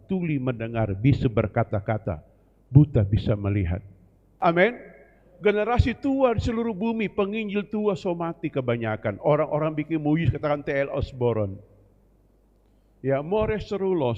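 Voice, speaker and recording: A man preaching to his congregation in a fairly high voice, pushing his listeners and calling for amen. The sound is dull and muffled, with a long reverb from a church hall. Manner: exhorting, calls congregation for amen. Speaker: pastor. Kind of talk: sermon.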